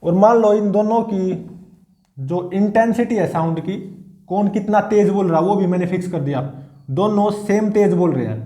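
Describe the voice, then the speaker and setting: A man's voice: high voice, normal speed, mellow, roomy sound. A man teaching physics in a classroom-style lecture. He repeats his points and keeps checking in with his students.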